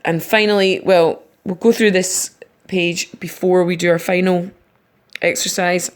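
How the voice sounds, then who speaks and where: A woman teacher giving a recorded online lesson, patiently explaining each step slowly. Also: fairly low pitch, fairly even intonation. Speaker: primary school teacher.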